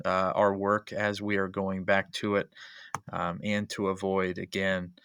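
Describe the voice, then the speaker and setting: Male teacher, screen-recording voice-over, bright, close and dry, methodical with fillers. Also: low voice, creaky, no room sound. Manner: methodical step-by-step explaining, frequent uh and um fillers. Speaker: history teacher. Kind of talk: screencast tutorial narration.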